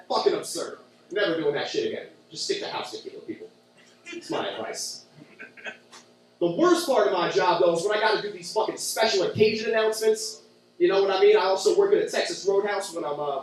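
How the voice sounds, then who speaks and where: A young man doing a stand-up comedy set in a club, telling crude, sarcastic stories. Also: sits high. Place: club with audience. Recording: echoey room from far off.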